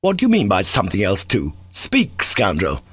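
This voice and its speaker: Audiobook figure: a man playing an agitated, imperious young nobleman, raised and loud, husky. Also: medium pitch, very animated, a little fast, no room sound. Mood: furious. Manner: shouting, peremptory.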